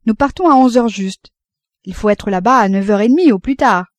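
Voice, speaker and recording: A woman's voice: medium pitch, brisk, no room sound, lightly acted. A woman voicing a bitter young male doctor who gives clipped, curt replies, in an audiobook reading. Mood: calm.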